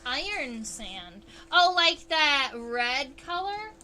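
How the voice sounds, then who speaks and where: Slow, bright-voiced woman entomologist. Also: high-pitched, very animated. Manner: chatty, unhurried, reads chat aloud. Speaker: entomologist livestream host. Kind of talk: casual livestream teaching.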